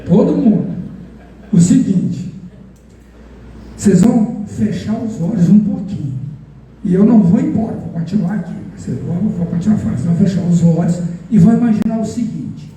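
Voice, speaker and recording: A man's voice: high voice, normal speed, mellow. A man with a Brazilian accent giving an interactive psychology talk to an audience, joking and leading a guided imagery exercise. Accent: Brazilian Portuguese. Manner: playful, joking, questions the audience. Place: event hall with audience. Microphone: recorded from a distance. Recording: echoey hall from far off.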